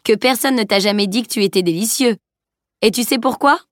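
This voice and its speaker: Lady reading a mouthy teen boy, high and loud, whining and teasing, dry room. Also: brisk, no room sound, lightly acted. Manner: protesting, teasing. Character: cheeky teenage boy, fed up and mocking.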